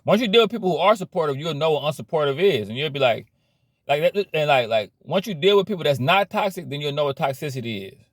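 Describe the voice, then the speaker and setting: A man's voice: fairly high pitch, animated, fast, no echo, studio quality. A man giving a blunt, slangy motivational rant about cutting problem people out of your life, repeating himself as he preaches. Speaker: motivational vlogger.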